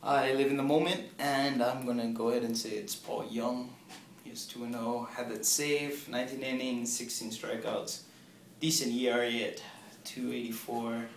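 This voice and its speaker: A young man hosting a casual sports podcast, easygoing and quick to laugh at himself. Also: mid-range voice, fairly even intonation. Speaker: podcast host. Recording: echoey room with faint ambient noise.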